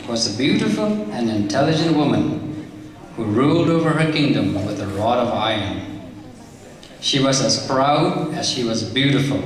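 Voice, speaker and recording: A man narrating a folk tale slowly and steadily as the storyteller of a live skit. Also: mid-range voice. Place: large hall. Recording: echoey hall, from far off.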